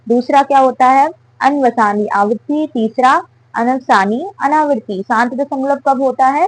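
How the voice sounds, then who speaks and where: A woman's voice: a little high, dry recording, poor audio. Woman teaching maths step by step. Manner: asks and answers her own questions.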